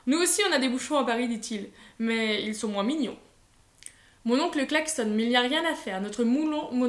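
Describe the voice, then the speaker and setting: A woman reading a children's story aloud in a lively, expressive way. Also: high-pitched. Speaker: audiobook reader. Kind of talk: scripted storybook narration. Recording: roomy echo.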